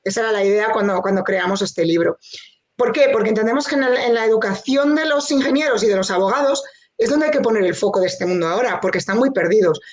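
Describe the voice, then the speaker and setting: A woman lawyer from telling courtroom anecdotes in a brisk, animated panel talk. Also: mid-range voice. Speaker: lawyer and book co-author.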